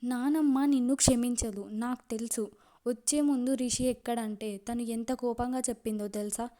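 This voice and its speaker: A woman's voice: on the high side, steady tone, moderate pace, mellow, lightly acted. A woman narrator voicing a young man who scolds his love in anger, his voice choked with hurt. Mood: scolding.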